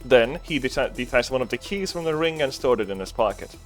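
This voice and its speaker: A man's voice: mid-range voice, animated, fairly quick, faint music behind. A man chatting and reading a story aloud with friends, laughing and playful. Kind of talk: casual group reading and chat.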